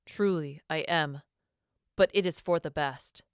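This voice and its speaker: A woman reading a storybook, voicing a calm, formal male leader who speaks in a measured, apologetic way. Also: low voice, clean tone, no room sound, studio quality.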